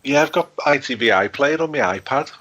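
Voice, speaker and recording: Jokey co-host, animated up-and-down voice, easy podcast banter. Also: male voice, medium pitch, a little fast. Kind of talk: casual chat.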